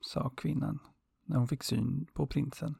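A man narrating a fairy tale in a calm, unhurried, softly expressive way, with a husky voice. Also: a little high, no room sound, clean studio sound. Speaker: storyteller.

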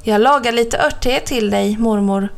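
Storybook little girl, high and friendly, wide-eyed; a woman puts her on. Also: gravelly. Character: trusting, polite little girl. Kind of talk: storybook reading.

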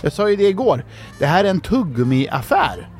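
A man's voice: sits high, sing-song, darkish tone, soft background music, voice pushed up. Guy doing a fed up shop clerk voice, kinda raised, snappy. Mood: patient. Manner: exasperated, threatening. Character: impatient male shop clerk.

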